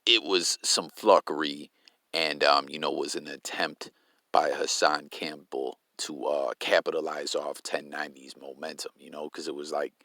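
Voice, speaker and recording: Deep, gravelly man hosting a commentary vlog. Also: sharp tone, no echo, studio quality. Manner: laid-back, slang-heavy, stumbling over words. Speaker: commentary channel host.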